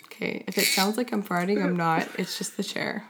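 A woman's voice: medium pitch, fairly quick, a bit bright, a little hiss or hum. Teasing woman podcast co-host. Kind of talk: casual chat.

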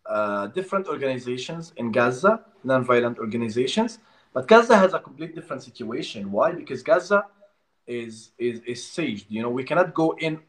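Impassioned Palestinian man, lively pitch. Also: a little fast. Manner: impassioned, emphatic, repeats words when pressing a point. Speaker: interviewee, Palestinian activist. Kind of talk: remote interview.

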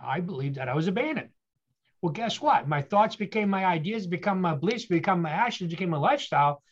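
A man with a high-pitched voice tells his story with earnest, motivational emphasis. He leans on rhetorical questions and repeats key phrases. The recording is dull and lo-fi. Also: expressive, fairly quick. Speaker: guest speaker.

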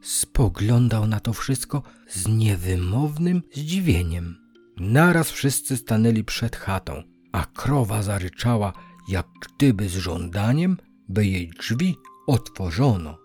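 A man with a low voice reads a children's fairy tale aloud. He keeps it calm and measured, taking each sentence evenly. Faint music sits underneath the narration.

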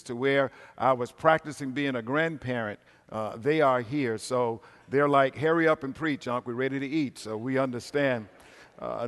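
An older man with an American accent preaching a sermon as a guest at a Sunday service, addressing the congregation directly in a folksy, emphatic way. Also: mid-range voice. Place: large indoor worship space. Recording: reverberant hall sound.

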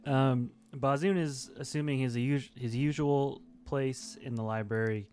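A man's voice: medium pitch, fairly even intonation, unhurried, a little mellow, soft background music. A man running a tabletop game, narrating and asking players questions in a casual way. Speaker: game master.

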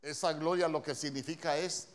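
A man's voice: fairly high pitch, fairly even intonation, normal speed. A male preacher with a Honduran accent, giving a conversational sermon and often asking his congregation questions. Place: church.

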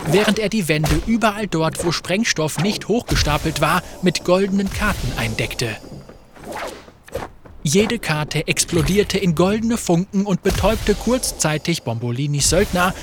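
A man narrating a story in a lively, expressive scripted reading. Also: high voice, measured pace, noisy background. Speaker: audiobook narrator.

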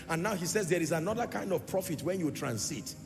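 A man preaching in a large church hall, his high voice carrying a gravelly edge. His phrases swell into a sing-song cadence and jump suddenly louder, and he throws questions back at the congregation. Long reverb trails after each line, with clear music playing underneath. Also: animated, fast. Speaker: pastor. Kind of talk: sermon.

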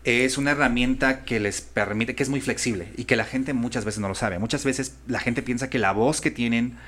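A man's voice: mid-range voice, normal speed, fairly bright tone. A man, a voice-over artist and voice coach, chatting thoughtfully and restarting often as he searches for words. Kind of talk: casual conversation.

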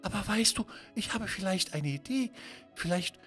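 A curious, brave five-year-old girl, as a man reading a storybook does her voice, eager and full of wonder. the voice jumps up very high and bounces with lively swings of pitch. soft music hums underneath. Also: normal speed. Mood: thoughtful.

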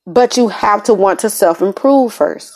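Recording in an apartment room, a female American podcast host talks at a measured pace in an expressive, mid-range voice. She gives a laid-back motivational monologue, conversational yet emphatic, and keeps repeating phrases to stress them.

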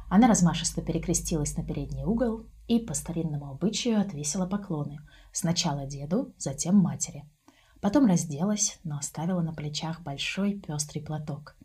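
Very raspy low-voiced woman narrator. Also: dark tone. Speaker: audiobook narrator. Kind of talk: storybook narration.

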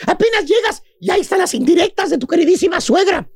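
A shrill, shrieking comic professor. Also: male voice, lively intonation, quick pace, a little mellow. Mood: mocking. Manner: shrieking, theatrical, mimics gossiping women. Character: shrill mocking gossip-hating male professor. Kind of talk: radio comedy sketch.

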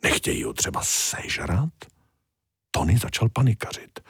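Man, storybook narrator, low voice, dry close recording. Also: wildly swooping pitch, gravelly, breathy edge, dry recording. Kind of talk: storybook reading.

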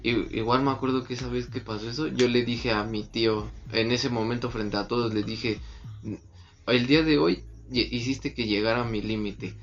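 A man's voice: medium pitch, fairly even intonation, moderate pace, muffled recording. A young man with a Mexican Spanish accent, chatting casually and answering with short agreeing words. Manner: listens with frequent short backchannels, laughs often. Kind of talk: casual chat.

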